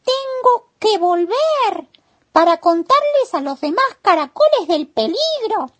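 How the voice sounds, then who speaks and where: A woman with an Argentine accent voicing a small, timid young male snail in a children's story, speaking softly in a whispery, wondering way. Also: big pitch swings, takes it slowly, exaggerated voice. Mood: uneasy. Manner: soft, high, whispery and wondering.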